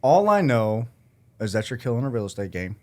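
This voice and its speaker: A man hosting a podcast, relaxed and upbeat, talking in a casual, slangy way with his guest. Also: mid-range voice, a little fast. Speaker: podcast host. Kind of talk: casual interview chat.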